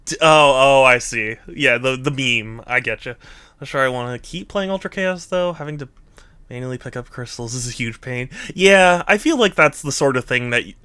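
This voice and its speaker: A man live streaming games, chatting casually with viewers in a playful, animated, teasing way. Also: medium pitch, normal speed, smooth, dry recording. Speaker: video game live streamer. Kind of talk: casual chat with viewers while gaming.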